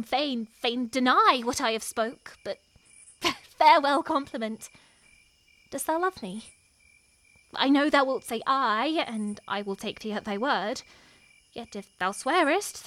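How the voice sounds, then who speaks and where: A woman performing a lovestruck, wary young noblewoman in a Shakespearean scene, her delivery moving between hushed and impassioned. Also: fairly high pitch. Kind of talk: Shakespearean stage acting.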